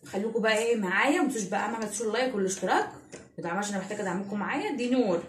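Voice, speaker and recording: A woman's voice: mid-range voice, expressive, racing. A woman in her thirties with an Egyptian accent, chatting affectionately to her viewers about home cleaning as a mother and vlogger. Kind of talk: casual chat to viewers. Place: home indoors. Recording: echoey room, distant mic, noisy.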